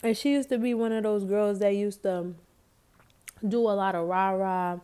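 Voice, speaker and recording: A woman's voice: medium pitch, fairly even intonation, moderate pace, mellow, clear, resonant tone. A woman casually telling a story in slangy speech while eating, her mouth sometimes full. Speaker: vlogger.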